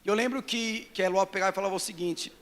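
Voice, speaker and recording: A man's voice: sits high, steady tone, very fast. A man with a Brazilian Portuguese accent preaching a fervent, confessional sermon as pastor. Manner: fervent, confessional, grows louder toward scripture reading.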